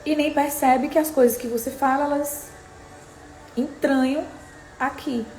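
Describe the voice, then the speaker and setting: A woman's voice: high voice, steady tone, measured pace, a little mellow. A woman preaching a morning devotional, emphatic and repeating her exhortations to the listener, recorded in an echoey room. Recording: echoey room, faint background noise.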